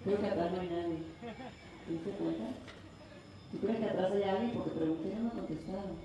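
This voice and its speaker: A woman's voice: lowish voice, a little fast, crowd noise. A Mexican woman in her thirties giving a talk at a university, telling a story and acting out the scene. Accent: Mexican Spanish. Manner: lively storytelling, acts out the scene. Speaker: speaker. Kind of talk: conference talk. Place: university auditorium. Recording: very echoey hall, distant mic, faint noise.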